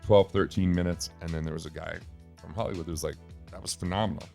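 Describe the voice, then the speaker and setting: Deep gravelly man telling stories. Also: fast talker, soft background music. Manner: animated storyteller, acts out quoted dialogue. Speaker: host. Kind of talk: casual storytelling chat.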